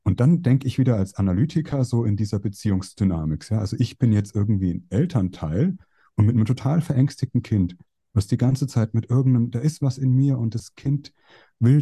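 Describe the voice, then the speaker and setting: A man's voice: mid-range voice, expressive, brisk, gravelly, dark tone, slightly rough, no echo, studio quality. A young man, a psychoanalyst, explaining his clinical work in conversation and working through case examples. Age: young adult. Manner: explains with case examples, voices patients' lines.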